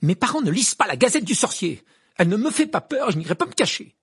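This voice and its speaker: A clever, indignant teenage witch, as a male reader puts her on, sharp-tongued and pitched high. Her lines jump in pitch with a husky grain underneath, in a storybook reading. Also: very animated, fast talker, no room sound, clean studio sound, exaggerated voice. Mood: shrill rage. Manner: sharp, shrill when furious.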